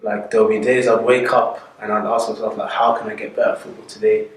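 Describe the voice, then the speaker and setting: A man's voice: fairly low pitch, level tone, fast talker. A man in his twenties, born in Italy and raised in England, telling his story in a casual street interview with many fillers and restarts. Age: 20s. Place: outdoors on a street. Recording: echoey, from far off, faint background noise.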